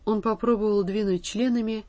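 A woman reads a story aloud as an audiobook narrator. Her delivery is measured and even, at a middling pitch.

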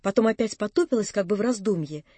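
A woman narrating an audiobook in a calm, measured reading voice, close to the mic. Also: mid-range voice, husky, no room sound. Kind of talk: scripted narration.

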